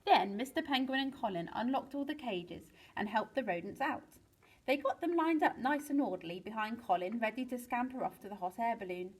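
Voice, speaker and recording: A woman, a teacher, reading a children's book aloud to pupils in a lively storytelling way, with big swings for the exciting parts. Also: a little high, fairly quick, husky, low-quality recording.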